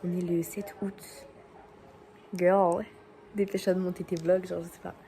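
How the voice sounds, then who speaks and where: A woman's voice: fairly low pitch, little pitch movement, moderate pace, mellow. A young woman talking casually to her viewers as a vlogger. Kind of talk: casual vlog talk to viewers. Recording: background chatter and noise.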